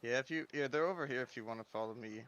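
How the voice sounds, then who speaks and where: A man's voice: medium pitch, very fast, fairly bright tone, clear, resonant tone, muffled recording. A young man playing a game with friends, making dry, wry remarks. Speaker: co-player friend. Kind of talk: casual gaming chat.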